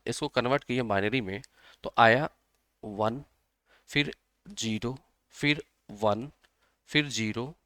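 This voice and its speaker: A man's voice: medium pitch, sharp tone, clear, resonant tone, no room sound. A male computer teacher, explaining an exam-prep lesson step by step and often checking that students follow. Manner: repetitive, checks understanding often.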